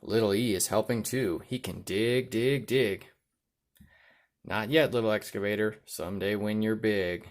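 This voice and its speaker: A man reading a children's picture book aloud, with rhythmic delivery and deliberate emphasis on the sound words. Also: fairly low pitch. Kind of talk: read-aloud children's storytelling.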